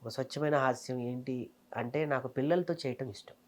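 A man in his thirties from Telangana, a comedian and mimicry artist, telling his career story in a casual interview with fast, animated delivery. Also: medium pitch. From Telangana, India.

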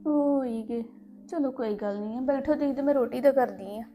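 An actress playing a meek young daughter-in-law who pleads and defends herself. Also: female voice, sits high, brisk, dark tone, close to an everyday voice. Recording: roomy echo. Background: music.

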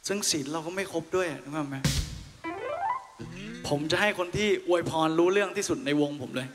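A man's voice: sits high, moderate pace. A young man, a singer on a mall stage, playfully teasing and joking with his crowd between songs. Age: young adult. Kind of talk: live stage banter with a crowd. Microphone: handheld stage mic through PA. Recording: reverberant live venue, faint music.

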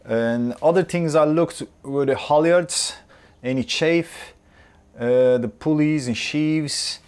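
A rigger in his forties lists inspection points in short, broken phrases during a technical interview, recorded on a lapel mic indoors in a workshop. His voice is a little high, slow, and a little mellow, with a clear, resonant tone. He speaks as a non-native speaker, and his phrasing is fragmented as he runs through his checks.

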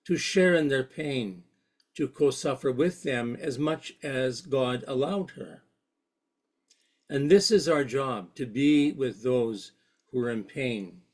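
Man presenter, reflective church talk, slow and earnest, mid pitch. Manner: earnest, reads quotations aloud, with halting restarts. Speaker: speaker at a parish session.

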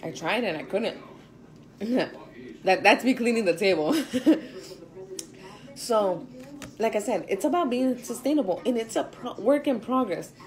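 A woman in her twenties, a fitness instructor, talking in a chatty, loud, slangy way in a casual vlog. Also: a little high, lively intonation, measured pace, pauses often, rough recording.

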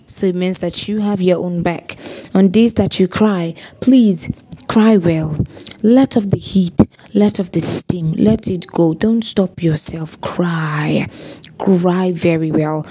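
A woman's voice: on the low side, mellow. A woman vlogger giving a motivational talk straight to the viewer, emphatic and preachy, repeating phrases and asking rhetorical questions.

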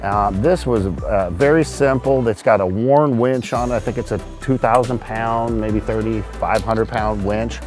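Standing on a boat roof at a marina, a middle-aged charter fishing captain hosts a casual, technical walkthrough explaining his equipment. His lowish, darkish voice runs a little slow with hardly any pauses, and soft music plays in the background.

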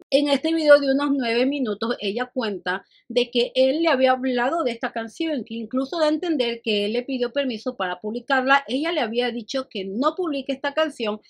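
A woman vlog host giving measured, analytical commentary and addressing her viewers directly. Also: sits high.

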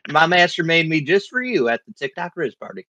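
A man's voice: a little high, lively intonation, fairly quick, lo-fi sound, a crowd in the background, natural voice. A man voicing an eager magical boy doll who wants to be a best friend, reading game dialogue in a jokey way. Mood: cheerful, chummy. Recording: clearly noisy microphone with clicks.

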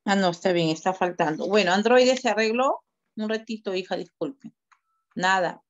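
A woman with a medium-pitched voice talks at normal speed, directly correcting her students' work and guiding them step by step. It's online class feedback delivered over a video call, captured in dull lo-fi audio.

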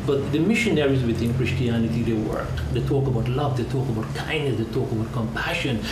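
Earnest pandit in a roomy studio. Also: male voice, medium pitch, recorded from a distance, noisy background. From Guyana. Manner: earnest, repeating key phrases. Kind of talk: studio talk show interview. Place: TV studio set, seated on sofa.

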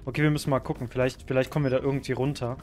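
A man commenting on his own survival gameplay, thinking aloud, swearing and breaking into sudden loud outbursts. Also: medium pitch, little pitch movement, racing, soft background music. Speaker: gaming YouTuber.

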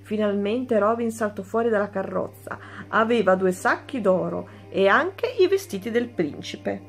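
A woman teacher reading a children's story aloud, slow and clear. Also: mid-range voice, animated, faint music behind.

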